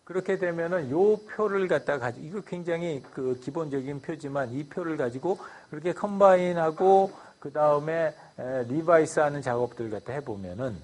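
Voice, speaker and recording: A man's voice: fairly high pitch, a little mellow. A man giving a university lecture, explaining a design process step by step, with frequent fillers and English loanwords.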